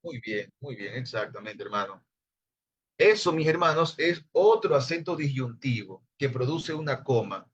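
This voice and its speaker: A man's voice: medium pitch, animated, unhurried, husky. Man teacher, patient explainer, online class lecture over slightly dull video-call audio. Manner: explains patiently, addresses listeners as brothers. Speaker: Bible Hebrew teacher.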